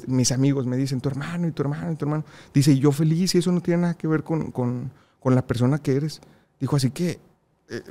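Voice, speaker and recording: A young man with a Mexican accent talks casually on a podcast. He tells his stories in a lively, animated way and laughs often. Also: a little high, creaky. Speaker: podcast guest. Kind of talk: casual interview storytelling.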